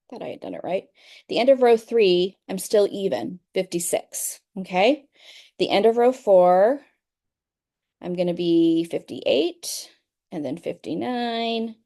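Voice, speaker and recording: A woman's voice: fairly low pitch, dark tone. A middle-aged woman teaching a crochet pattern in a casual, chatty way, often repeating herself and checking in with "okay?". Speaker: crochet instructor. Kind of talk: casual tutorial explanation.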